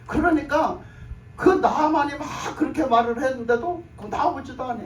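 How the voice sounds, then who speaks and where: A man's voice: extremely high pitch, normal speed, slight background noise. A man preaching a sermon, retelling a story and acting out its characters' lines, repeating phrases for emphasis. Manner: acts out characters' speech in the story. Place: church sanctuary. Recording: echoey room, mic at a distance.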